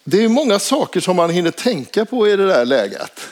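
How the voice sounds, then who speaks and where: A man's voice: high voice, sing-song. Hesitant man telling a personal story. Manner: hesitant, many filler sounds. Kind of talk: casual spoken personal anecdote.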